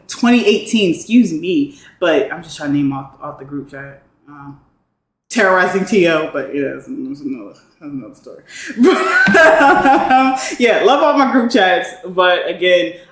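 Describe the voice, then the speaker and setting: A woman co-hosting a podcast, chatting casually, repeating herself and laughing easily. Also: on the low side. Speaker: podcast co-host. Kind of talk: casual chat. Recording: roomy echo.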